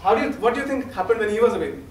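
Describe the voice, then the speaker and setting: A young Indian-accented man gives a prepared humorous speech in a notably high voice. His delivery is formal, rehearsed and theatrical, with deliberate pauses. He is heard from a distance in a roomy, echoing space with faint noise. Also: big pitch swings. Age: young adult.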